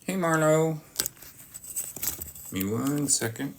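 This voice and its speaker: A live stream host chatting casually while showing off items, halting and often breaking off to greet viewers, with some noise and clicking. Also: mid-range voice, lively intonation, darkish tone. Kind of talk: casual live stream chat while unboxing oracle cards.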